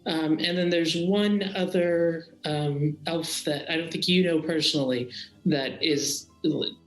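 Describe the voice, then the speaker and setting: A man's voice: fairly high pitch, fairly even intonation, measured pace, fairly bright tone. A man narrating a tabletop game as game master, casual and full of fillers, in an echoey room with faint music.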